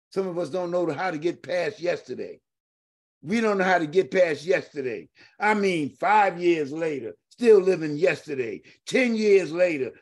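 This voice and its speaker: A middle-aged male pastor delivers a fervent sermon, his voice pitched high for a man. He repeats phrases for emphasis and calls out to his listeners as he preaches.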